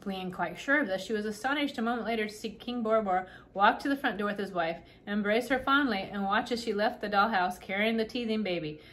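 A woman reading a children's novel aloud, unhurried and gently expressive, doing little voices for the characters. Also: medium pitch. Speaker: storybook reader.

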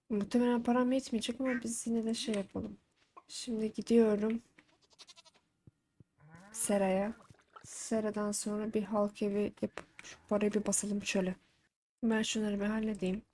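A woman's voice: medium pitch, darkish tone, a little hiss or hum. A young woman streaming a farming game, chatting to the characters and bursting into exasperated complaints. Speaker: gaming streamer. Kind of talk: live let's-play commentary. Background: faint game music.

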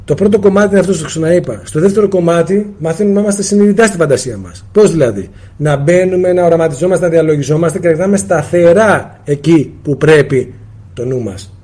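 A man from Greece giving a live seminar as a spiritual teacher, answering viewer questions, addressing listeners as friends and acting out little dialogues with sudden jumps in pitch. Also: expressive, mellow.

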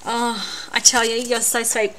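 An Australian woman unboxing a craft gift on her vlog, gushing and excitable, often repeating words. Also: on the high side, unhurried. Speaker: craft vlogger. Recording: noisy home recording.

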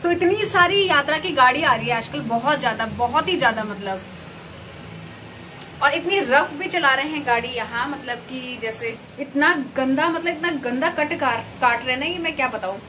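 This young vlogger from Uttarakhand, India, rambles casually with plenty of fillers while cooking, her kitchen camera fixed in place by a window over a busy highway. She sounds high, animated, pushed and bright at a moderate pace. There's slight background noise.

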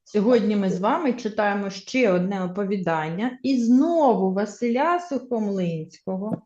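A woman's voice: medium pitch, animated, normal speed, warm tone. A woman teacher leading a primary school reading lesson, encouraging the children and having them repeat words after her. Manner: encouraging, leads class in choral repetition. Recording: echoey classroom, slightly dull sound.

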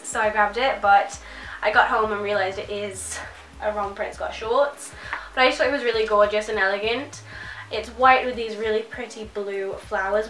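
Congested and nasal from a cold, a young fashion vlogger chats to camera in her small bedroom about a clothing haul, gushing and filling her talk with "like." Her pitch is fairly high and slightly bright. The low-quality recording is reverberant, with the mic far away.

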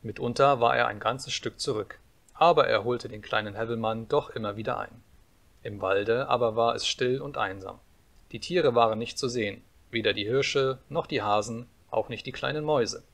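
Guy reading a fairy tale audiobook, calm and steady storytelling. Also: mid-range voice, normal speed, vocal fry. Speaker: audiobook narrator.

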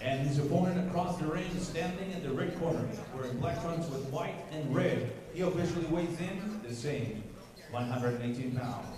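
A man's voice: on the high side, normal speed, distant mic. A man announcing a boxing bout in two languages over a handheld mic, theatrically stretching names like a lucha libre announcer. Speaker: ring announcer. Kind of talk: bilingual boxing ring announcing. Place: boxing ring in an indoor venue. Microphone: handheld microphone. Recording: echoey PA with long reverb and crowd.

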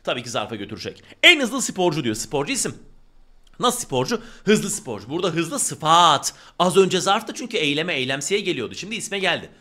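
Lively, animated man teaching grammar. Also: a little high, brisk. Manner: animated, emphatic, addresses students directly. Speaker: Turkish teacher. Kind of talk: grammar lesson.

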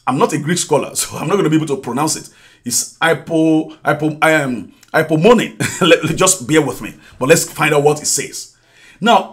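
A man's voice: high voice, fairly bright tone. A male preacher teaching a sermon, repeating phrases emphatically with frequent laughs and praise.

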